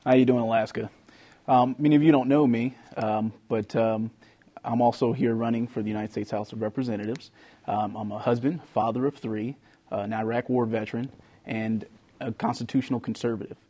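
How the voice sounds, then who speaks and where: A man's voice: mid-range voice, fairly even intonation, fairly quick, mellow. A man giving an informal, hesitant statement as a candidate in a political debate. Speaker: congressional candidate.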